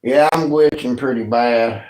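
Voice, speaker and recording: Speaking a little slowly in a medium-pitched, darkish voice, this woodworker from Northeast Tennessee hosts his livestream in a thick Appalachian accent. His talk is casual and folksy, full of informal rural grammar, and the indoor room echoes around him.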